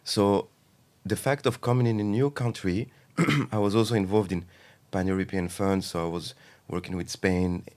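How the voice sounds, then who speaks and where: A Moroccan man with a very deep, low voice is a guest on an interview podcast, describing his advisory work in a relaxed, thoughtful manner. He moves at a moderate pace with few pauses, though fillers and restarts crop up as he works through each idea.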